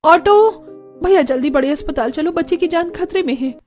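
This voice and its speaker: A woman's voice: high-pitched, fast, darkish tone, faint music behind, lightly acted. A woman voicing a devoted young mother who speaks tenderly and with urgency. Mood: urgent.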